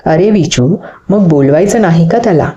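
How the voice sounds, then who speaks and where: A woman's voice: on the low side, lively intonation, moderate pace, warm tone, highs cut off, close to an everyday voice. A woman reading the part of a protective old grandmother who fusses over her grandson, in a soothing, coaxing manner. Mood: anxious.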